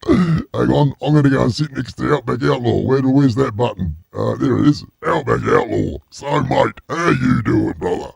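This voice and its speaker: Gravelly, blokey Aussie tradesman type. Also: medium pitch, normal speed, a little mellow, dry recording, studio quality. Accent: Australian. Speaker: live stream show host. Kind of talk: casual live stream chat.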